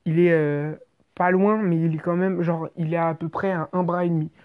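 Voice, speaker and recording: A woman narrating an exaggerated comic story in an animated, slangy way, with swearing. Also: fairly low pitch, normal speed, narrow, tinny audio.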